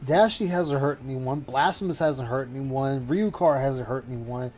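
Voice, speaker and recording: A man's voice: mid-range voice, normal speed, a little mellow, soft background music. A man hosting a casual stream chat, talking loosely and swearing as he laughs. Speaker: stream host.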